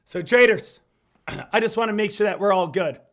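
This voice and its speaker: Hoarse, high-pitched hype man with smoker's rasp. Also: expressive, moderate pace, fairly bright tone. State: hoarse, recovering from illness. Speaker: live stream stock trading host. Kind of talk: hyped live stream market commentary.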